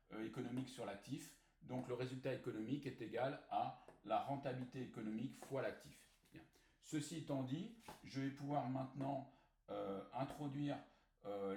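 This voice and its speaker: A man teaching a finance lesson step by step, methodical and often pausing on fillers as he works through a formula. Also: medium pitch, darkish tone. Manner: methodical, frequent hesitant fillers. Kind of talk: recorded whiteboard lesson. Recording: echoey room, faint noise.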